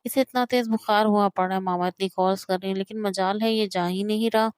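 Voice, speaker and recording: A woman's voice: medium pitch, fairly even intonation, brisk, a little mellow, clear, resonant tone, no room sound, clean studio sound, natural voice. A woman reading the part of a caring young man coaxing his feverish younger brother, in an affectionate tone.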